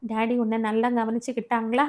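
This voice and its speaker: A woman's voice: on the high side, monotone, fairly quick, a little mellow, lightly acted. A woman voicing a hurt young mother who speaks coldly and commandingly. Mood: anxious. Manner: cold and commanding.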